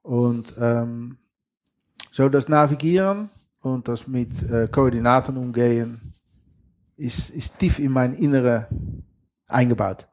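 A man's voice: medium pitch, slow, pauses often, a little mellow. A middle-aged man with a strong Dutch accent, a guest in a casual interview, speaking German plainly with grammar slips. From western Netherlands. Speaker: guest, lifelong sailor.

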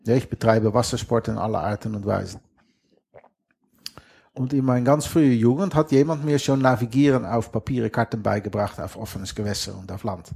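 A man's voice: lowish voice, fairly even intonation, a little fast, vocal fry, a little mellow, husky. A middle-aged man with a strong Dutch accent, a guest in a casual interview, speaking German plainly with grammar slips. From western Netherlands. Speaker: guest, lifelong sailor.

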